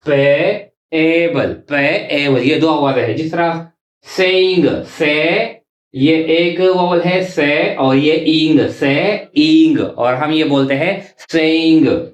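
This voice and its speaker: A man teaching a shorthand class, speaking slowly and repeating example words syllable by syllable. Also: fairly high pitch. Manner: slow and repetitive, drawing out example words syllable by syllable. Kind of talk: classroom lesson explaining while writing. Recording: echoey room.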